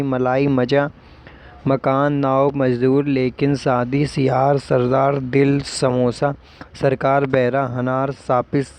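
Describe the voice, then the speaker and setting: A male YouTube exam-prep teacher slowly reading out lists of vocabulary words one by one. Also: medium pitch, a little mellow, smooth, poor audio. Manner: slow, listing words one by one.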